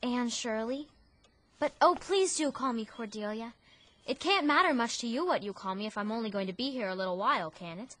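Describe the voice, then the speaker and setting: A woman's voice: on the high side, animated, a little fast, fairly bright tone. A woman playing Anne Shirley, an effusive orphan girl. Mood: pleading, earnest. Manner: breathless, effusive, theatrical. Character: talkative imaginative orphan girl, dramatic, romantic. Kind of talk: audio drama acting.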